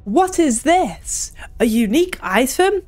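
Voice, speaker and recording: A young woman streams a game from a small room at home, speaking slowly in a high, sing-song, somewhat dark voice. Her commentary is playful with dry complaints, picked up close by a desk microphone alongside a headset, with game music in the background.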